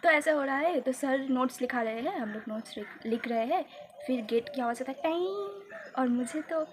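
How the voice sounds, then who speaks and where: A high-voiced young woman from India chats through a personal story in a casual, animated way, jumping into louder voices as she acts out what others said. Her voice sits high in her range, and faint background noise hums under it. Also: moderate pace. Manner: chatty, animated, quotes people in raised voices. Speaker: vlogger.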